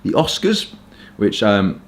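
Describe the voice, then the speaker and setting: Low-voiced southern English man, casually chatting. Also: sing-song. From Kent, England. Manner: informal, chatty, hesitant with stop-start pauses. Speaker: pipe tobacco reviewer. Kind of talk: casual rambling review chat.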